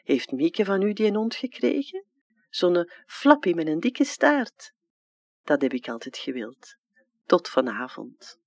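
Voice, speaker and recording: A childlike, wistful dead man with a Flemish accent, as a reader puts him on. His plain dialect talk leaps high and drops low in lively swings. The sound is dry and close, with no room around it. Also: a little slow, dry recording. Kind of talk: dramatic literary reading.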